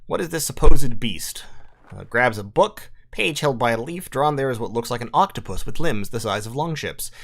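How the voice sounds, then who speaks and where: A man's voice: medium pitch, expressive, fairly quick, few pauses. A man playing a game, commenting casually, reacting with swearing and disbelief, and reading event text aloud. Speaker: let's play gamer. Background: game music.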